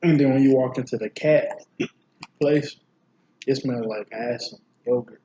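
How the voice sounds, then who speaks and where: A man's voice: medium pitch, unhurried, dark tone, highs cut off, slight background noise. A man co-hosting a casual eating vlog, telling a story bluntly and sounding grossed out. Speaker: vlog co-host. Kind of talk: casual chat while eating.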